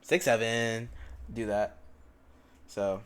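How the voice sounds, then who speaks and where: A young man with a low voice, talking in loose, joking banter with friends during a stream. His delivery stays relaxed and offhand. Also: slow pace, smooth. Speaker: fellow streamer. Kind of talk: casual chat on a stream.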